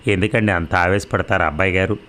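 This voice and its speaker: A man's voice: deep voice, fairly even intonation, quick pace, a bit bright, slight background noise. A man voicing a frightened young man who answers in a nervous, apologetic way in an audio story. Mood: nervous evasive.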